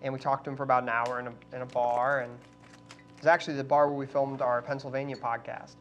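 A man's voice: mid-range voice, level tone, fast, a bit bright. A man co-hosting a casual travel podcast, upbeat and chatty with frequent fillers. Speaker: podcast co-host. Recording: slightly dull sound, faint hum.

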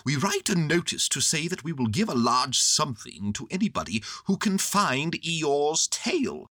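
A woman's voice: sits low, sing-song, normal speed, fairly bright tone, husky, no room sound, studio quality, pitched above the performer's own voice, full character voice. A woman voicing a pompous, wordy male owl who thinks himself wise, declaiming long-windedly in a storybook. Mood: self-important.

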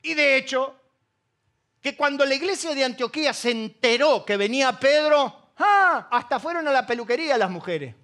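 This middle-aged pastor with an Argentine Spanish accent has a very high-pitched, fairly bright voice and keeps a moderate pace. His sermon is full of humorous storytelling, with him performing each character's voice.

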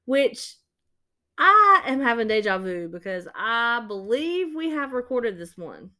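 A woman co-hosting a podcast, telling an old story in a relaxed, rambling way. She restarts her sentences often and leans on "um" and "like.". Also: fairly high pitch, a little slow. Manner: rambling, filler-heavy retelling. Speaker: podcast co-host. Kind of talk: casual storytelling chat.

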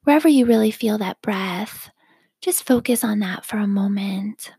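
A woman leading a guided self-awareness meditation, speaking softly and calmly with a whispery, breathy delivery. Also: mid-range voice, no room sound, studio quality. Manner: slow, calm, gently instructive.

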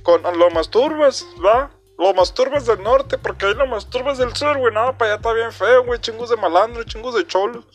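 A man voicing a brash young man with a nasal voice and a Mexican accent, telling a joke in loud, rambling street slang. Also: extremely high pitch, normal speed, few pauses, soft background music, pitched above the performer's own voice. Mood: rowdy.

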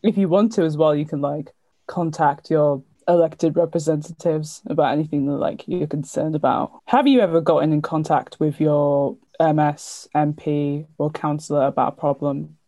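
A woman's voice: deep voice, moderate pace, warm tone, dry recording. A young woman, asking questions and explaining things in casual conversation. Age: young adult. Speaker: interviewer.

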